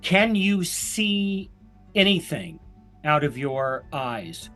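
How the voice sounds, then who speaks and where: Slow-talking, higher-voiced male host. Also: big pitch swings, pushed and bright, soft background music. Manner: playful, joking. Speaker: podcast co-host. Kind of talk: casual interview questioning.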